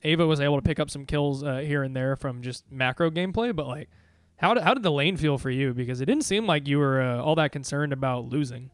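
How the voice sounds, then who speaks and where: A man's voice: fairly high pitch, quick pace, smooth, no echo. A man casting a live esports match and then interviewing the winning team, upbeat with casual fillers. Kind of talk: live esports play-by-play commentary.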